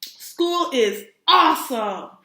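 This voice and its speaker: Woman as storybook shark boy, over-excited, loud, high-pitched, exuberant, roomy echo. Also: extremely slow, heavily acted. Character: big, over-excited young male shark schoolboy.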